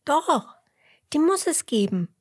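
A woman voicing an eager, naive young female sheep in a children's story, with a high, earnest voice. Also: sing-song, slow pace, darkish tone, no room sound, studio quality, exaggerated voice.

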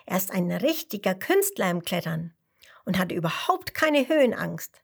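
A woman voicing a tiny, boastful male mosquito in a storybook read-aloud, talking eagerly and loudly. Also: medium pitch, very animated, normal speed, vocal fry, husky, heavily acted. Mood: excited. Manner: eager, loud, show-offy. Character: small boastful male mosquito, excited chatterbox.

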